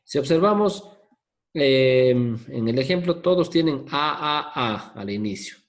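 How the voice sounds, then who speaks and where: A man's voice: mid-range voice, animated, unhurried. A man teaching an online English class, patient and often asking for confirmation. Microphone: video call.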